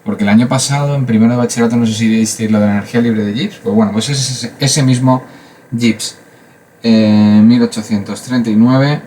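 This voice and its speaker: A man from Spain talks through a math lesson in a casual, chatty way, pausing on fillers and wandering into asides. His voice sits fairly low. A faint hiss runs under the recording. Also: a little mellow. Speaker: math teacher.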